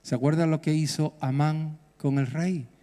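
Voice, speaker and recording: A middle-aged pastor with a Peninsular Spanish accent exhorts his congregation at a moderate pace, his fairly high voice surging into excited bursts. The sermon rings through a church hall with a long echo.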